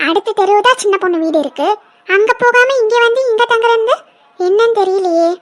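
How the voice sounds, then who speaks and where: A fussy, nervous cartoon housewife, played by a woman in a very high, thin voice. She frets and whines over every small worry. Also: fairly quick. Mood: fretful. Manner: high-pitched, fretful, whiny lamenting. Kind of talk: cartoon voice acting.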